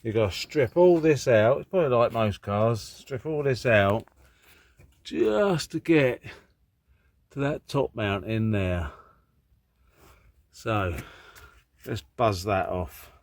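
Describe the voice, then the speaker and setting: A man's voice: mid-range voice, sing-song, takes it slowly, pauses often. A British man chatting casually and thinking aloud in a rambling, matter-of-fact way as he narrates hands-on repair work. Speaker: vlog host doing DIY car repairs. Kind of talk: casual chat and work commentary.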